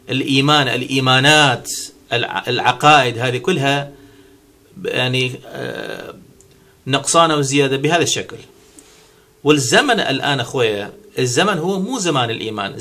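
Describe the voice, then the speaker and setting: Vlogger, male, bright mid-pitched voice, hesitant lecturing delivery. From Syria. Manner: hesitant, with many restarts and repeated words; lecturing, strings synonyms together. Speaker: vlogger answering a viewer. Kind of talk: casual explanatory monologue.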